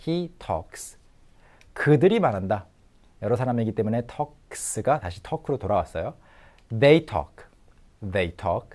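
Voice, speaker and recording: A middle-aged man giving a recorded language lecture, patiently drilling short phrases slowly and repeating them. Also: fairly low pitch, a little mellow. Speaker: English teacher.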